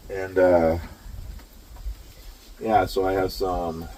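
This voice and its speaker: Sitting outside under cover in the rain, a late-fifties truck driver films a casual vlog chat on his phone camera. His voice sits low and dark with little pitch movement, and he talks very slowly, rambling, easygoing and often chuckling. The rough recording carries slight background noise.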